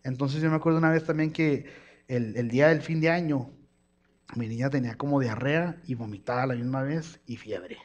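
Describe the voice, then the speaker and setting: A man preaching a sermon, telling a lively family story and imitating his baby's cries. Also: medium pitch, fairly quick, dull audio. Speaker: pastor.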